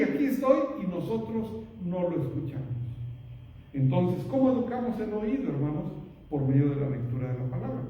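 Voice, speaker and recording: A man with a high, mellow voice preaches to his congregation, calling them brothers again and again and putting rhetorical questions to them. He sounds distant from the microphone, and his words ring on through a long, echoing church hall. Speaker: pastor. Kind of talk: sermon. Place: church sanctuary. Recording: echoey church hall picked up from far off.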